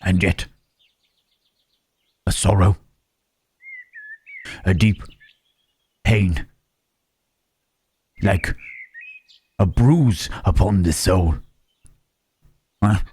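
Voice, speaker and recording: A man performs a lonely Frankenstein-style monster for an ASMR roleplay. The voice is very deep and rough with husk, and it moves very slowly, halting and pensive. The creature is gentle and melancholy, choosing formal words with care. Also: exaggerated voice. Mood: pensive, sorrowful.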